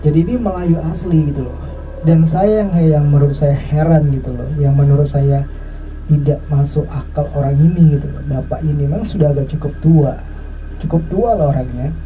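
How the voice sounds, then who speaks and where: A man's voice: on the high side, moderate pace, lo-fi sound. Rambling man telling an eerie personal tale. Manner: rambling, reflective, many filler tags. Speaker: storyteller. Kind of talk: casual personal storytelling. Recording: distant mic, faint background noise.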